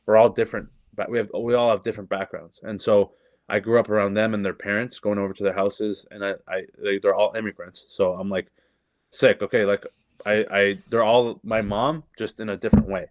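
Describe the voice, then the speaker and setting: A young man with a low voice talks about his craft on a podcast. He speaks loosely, swears, and trips over his own sentences. The sound is dry and close. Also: little pitch movement, a little fast, no echo. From Canada. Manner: loose, profane, lots of fillers and restarts. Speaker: comedian guest. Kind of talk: casual podcast chat.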